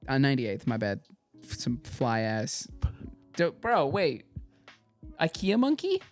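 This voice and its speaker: A man's voice: medium pitch, wildly swooping pitch, slow pace, faint music behind. A man co-hosting a podcast in casual chat, teasing with dry humor. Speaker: podcast co-host.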